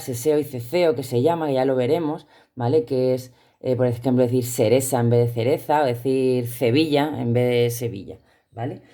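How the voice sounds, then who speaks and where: A woman's voice: lowish voice, mellow. A woman teaching a class with a Spanish accent from Spain, explaining step by step and checking in with her students. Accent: Spanish from Spain, not Andalusian. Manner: explanatory, checks in with frequent "¿vale?". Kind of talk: recorded remote class lesson.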